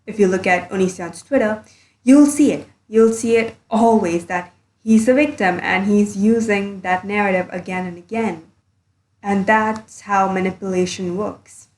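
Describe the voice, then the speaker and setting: A woman's voice: medium pitch, measured pace, a little mellow. Woman YouTuber, blunt commentary, recorded under a blanket, echoey sound. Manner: blunt, earnest, a bit sweary. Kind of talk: casual commentary monologue.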